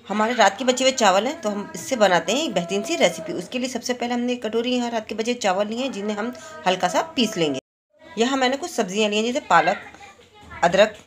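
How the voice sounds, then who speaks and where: A woman hosting a cooking channel, giving friendly step-by-step recipe instructions as a voice-over. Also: mid-range voice. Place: home kitchen.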